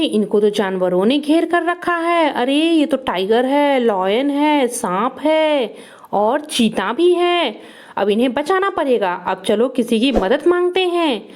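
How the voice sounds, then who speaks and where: A woman narrating toy play for children in an excited, exclaiming way, cheering the toys on. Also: a little high.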